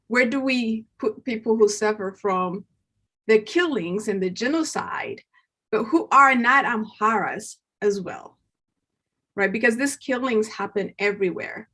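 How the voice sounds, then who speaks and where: A woman's voice: a little high, a bit bright. A woman puts an informal question at a conference, talking conversationally and thinking aloud as she goes. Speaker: audience member asking a question.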